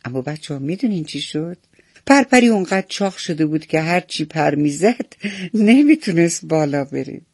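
A man gently narrating a bedtime story for children, speaking to them warmly and directly. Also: on the high side, very animated, no echo, studio quality. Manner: gentle, affectionate, talks straight to the kids.

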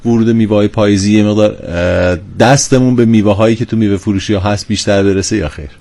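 A man's voice: fairly low pitch, steady tone, dark tone. A man co-hosting a live radio show, interviewing a guest in conversational language. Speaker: radio co-host.

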